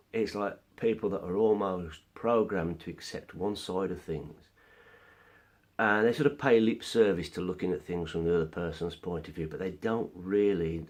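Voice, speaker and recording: A man's voice: low voice, a little mellow. A man with a cold, giving an earnest, explanatory opinion monologue as a vlogger. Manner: earnest, explains through analogies. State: has a cold, coughing now and then.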